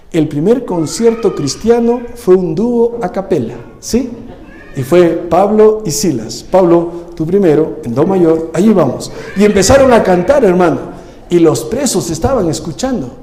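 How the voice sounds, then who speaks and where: A man delivers a lively church sermon, pressing the congregation with question after question. His voice sits high but sounds mellow and dark in tone. Long church-hall reverb trails behind every phrase. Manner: animated preaching, rhetorical questions to the congregation. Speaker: pastor. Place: church service.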